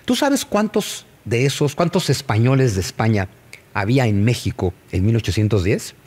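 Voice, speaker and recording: A man's voice: medium pitch, normal speed, husky. A man with a Mexican accent explaining history in casual conversation, posing rhetorical questions. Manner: animated, rhetorical questions to the listener.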